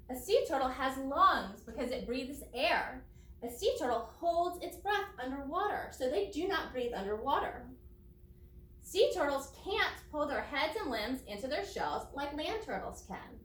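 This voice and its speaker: A woman teacher with a high, slightly bright voice reads aloud to young pupils, thinking aloud and spelling out each step in a deliberate, explanatory manner. The room echoes noticeably and she is distant from the microphone.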